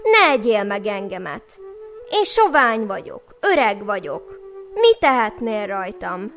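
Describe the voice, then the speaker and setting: A woman's voice: medium pitch, very animated, fairly bright tone, soft background music. A woman voicing a poor, cunning old widow with many children, speaking emphatically. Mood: pleading.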